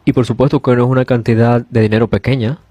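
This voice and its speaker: Earnest male preacher with a dark, dry voice. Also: medium pitch, steady tone, fast, no echo. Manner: earnest storytelling, retelling a parable with repetition. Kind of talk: sermon.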